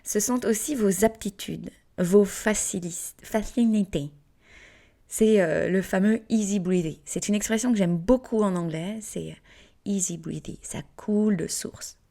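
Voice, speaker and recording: Her voice is mid-range, creaky, and dark, moving a little slowly. This French yoga teacher and podcast host, with a Southern French accent, teaches informally with playful digressions, plenty of fillers, and the occasional whisper.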